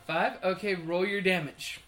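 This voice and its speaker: A woman running a tabletop role-playing game as game master, narrating with relaxed humor. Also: lowish voice, unhurried, soft background music.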